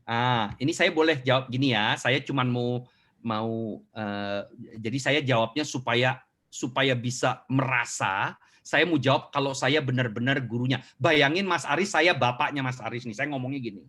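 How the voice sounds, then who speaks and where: Animated middle-aged man telling stories. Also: mid-range voice, normal speed. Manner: animated storyteller who acts out scenes. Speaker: motivational speaker. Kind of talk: live online talk with audience questions.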